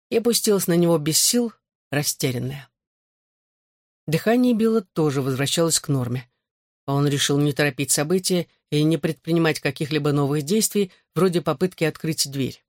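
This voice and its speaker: A man narrating a novel as an audiobook in a steady, measured way. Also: a little high, dry recording, clean studio sound. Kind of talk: scripted narration.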